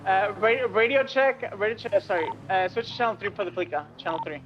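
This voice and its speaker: Male cop over walkie talkie; high-ish voice, hesitant radio callouts, dull hissy lo-fi sound. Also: lively intonation. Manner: halting, full of fillers and restarts. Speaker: police officer leading a pursuit. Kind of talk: roleplay radio traffic. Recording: muffled lo-fi radio with hiss.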